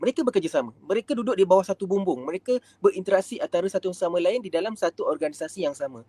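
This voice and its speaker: A man's voice: high voice, expressive, racing, dark tone, no echo. A man with a Malaysian accent giving a counseling lecture, full of fillers and English words. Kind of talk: live-streamed lecture.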